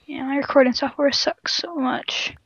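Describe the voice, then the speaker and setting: A woman playing along in a casual game session, narrating her own moves with quick alarmed exclamations. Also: sits high, no room sound, highs cut off. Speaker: co-player. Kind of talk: casual gameplay chat.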